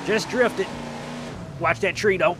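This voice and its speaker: A gaming video creator and host chats casually over gameplay in colloquial language, often repeating his phrases. His voice is high and slow-paced, with background noise behind it.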